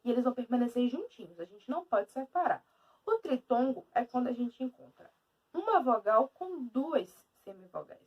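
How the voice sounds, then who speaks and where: A woman teacher with a Brazilian Portuguese accent giving a video lesson in an emphatic, lively way. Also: on the high side, moderate pace, husky, far from the mic, lo-fi sound.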